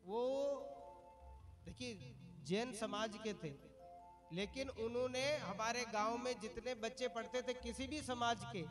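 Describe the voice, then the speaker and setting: A man's voice: extremely high pitch, steady tone, a little slow, music in the background. A man preaching a devotional story sermon to a gathered audience, often putting questions to the listeners in a chatty storytelling way. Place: religious gathering before an audience.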